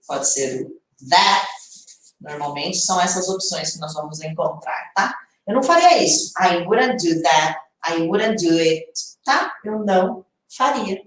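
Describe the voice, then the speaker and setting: A Brazilian woman teaching English in a live online lesson, explaining slowly and checking in with her viewers. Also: on the high side, heavy reverb, distant mic, slight background noise, poor audio. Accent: Brazilian Portuguese.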